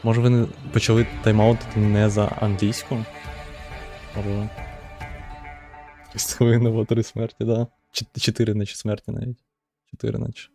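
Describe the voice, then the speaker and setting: Ukrainian male streamer, offhand mumbled commentary, dark gravelly tone. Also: lowish voice, flat delivery, moderate pace, long pauses, faint music behind. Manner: offhand, mumbling, swears casually. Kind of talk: casual live commentary.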